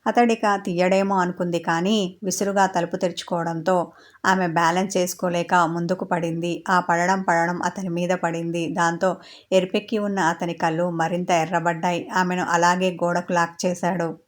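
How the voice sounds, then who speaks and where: A woman reading a serial romance novel aloud as narrator, in a steady, even storytelling voice. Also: fairly low pitch.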